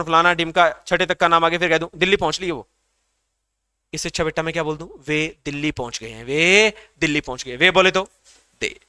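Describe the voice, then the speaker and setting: A man's voice: sits high, bright, forceful tone, smooth, no echo, clean studio sound. A man teaching English grammar in a lecture, who keeps asking the class questions and answering them himself.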